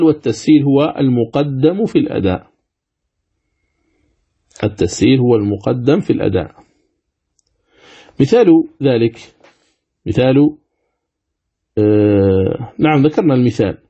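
A man giving a Quran recitation lesson, explaining step by step and chanting examples with long, drawn-out vowels. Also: medium pitch, mellow, slightly rough. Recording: dull lo-fi recording.

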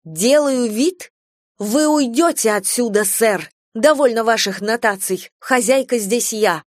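A woman's voice: mid-range voice, animated, moderate pace, no echo, clean studio sound, lightly acted. A woman voicing a proud, hot-tempered young farm mistress who speaks heatedly in a radio play. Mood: indignant. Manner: heated, insistent.

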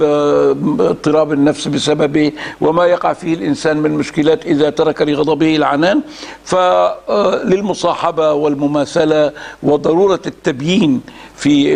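Here an Egyptian Arabic-accented scholar, gravelly and somewhat high-pitched with a darkish tone, works through a classical text in a reading series. He speaks slowly and deliberately, often stretching out hesitation sounds.

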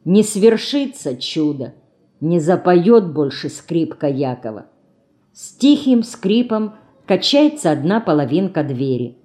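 A woman's voice: fairly low pitch, very animated, slow pace, dark tone. A woman reading an audiobook as scripted narration, telling it expressively and with emotion. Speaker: audiobook reader.

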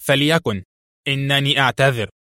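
A man's voice: mid-range voice, fairly quick, a bit bright, no room sound, studio quality, lightly acted. A man voicing an ill-tempered general who speaks harshly and growls. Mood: gruff, angry.

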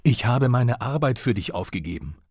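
A man's voice: mid-range voice, animated, brisk, a little mellow, husky, dry recording, clean studio sound, voice pushed up. A man voicing an enraged father who screams hysterically at his young son. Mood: raging. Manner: shrieking, hysterical, threatening.

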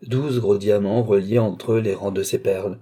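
A man narrating a classic novel as an audiobook in a measured, formal storytelling manner. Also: fairly low pitch, steady tone, warm tone, slightly rough. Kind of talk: scripted literary narration.

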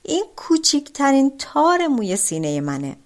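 A huge male demon from a fairy tale, boastful and menacing, shouting his threats, voiced by a woman. The voice sits on the high side and swings widely in pitch. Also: very animated.

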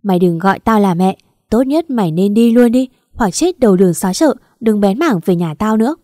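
A woman's voice: medium pitch, animated, fairly quick, dark tone, dry recording, clean studio sound, lightly acted. A woman voicing a cruel, contemptuous mother-in-law who speaks harshly. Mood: scornful. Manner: harsh, scornful.

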